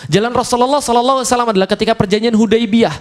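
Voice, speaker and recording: A man with an Indonesian accent preaching a lively, humorous sermon at a study gathering, acting out quotes dramatically. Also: extremely high pitch, rapid-fire. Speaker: Islamic preacher.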